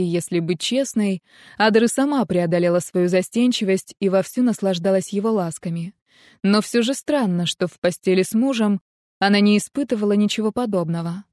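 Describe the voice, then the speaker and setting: A woman's voice: medium pitch, a little mellow, dry recording, studio quality. Woman narrating a romance audiobook.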